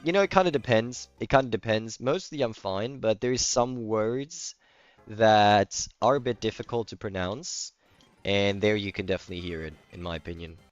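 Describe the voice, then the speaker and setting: Speaking at a normal pace in a fairly low, clear and resonant voice, a German streamer with a German accent plays a video game late at night and casually replies to chat. His voice is clean, heard through a close, slightly muffled mic, with no echo.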